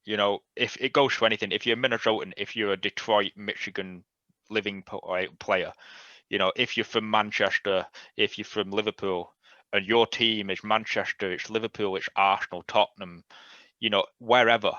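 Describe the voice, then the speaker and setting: A man talking as a guest on a podcast. He rambles, swears freely and is animated. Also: lowish voice, moderate pace, dry recording, muffled recording. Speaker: guest fan analyst. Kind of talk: casual podcast chat.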